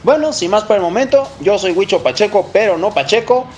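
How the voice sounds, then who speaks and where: A man's voice: high-pitched, expressive, brisk, darkish tone, faint music behind. A man with a Mexican accent hosting a football show, giving casual, blunt opinions in slangy, emphatic speech.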